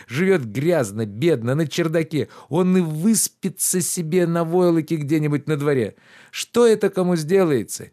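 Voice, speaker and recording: Indignant idle nobleman in an audiobook, high and shrill, loud lecturing, as a male reader puts him on. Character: pampered idle middle-aged gentleman, indignant.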